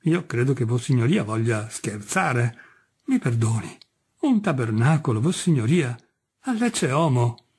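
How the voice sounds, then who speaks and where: A man voicing a humble, devout workman in a read-aloud story, deferential but earnest and pleading, with a husky voice. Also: mid-range voice, very animated, a little slow, a little mellow, exaggerated voice.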